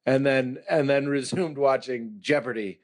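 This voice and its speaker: A man telling comic stories about his family as a therapy patient, animated and self-mocking. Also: medium pitch, a little slow. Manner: animated, self-mocking, acts out quoted voices. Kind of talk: comic storytelling in a mock therapy session.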